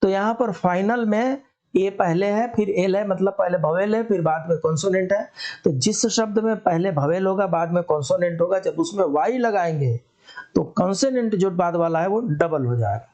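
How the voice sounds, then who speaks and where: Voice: mid-range voice, normal speed, dark tone, highs cut off. A teacher giving a spelling lesson for exam students, explaining step by step and answering their own questions.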